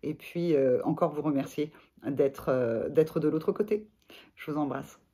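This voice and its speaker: A woman coach giving gentle, hesitant advice to camera, with many pauses and fillers. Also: low voice, breathy edge. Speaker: sophrologist and life coach. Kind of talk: casual advice talk to camera.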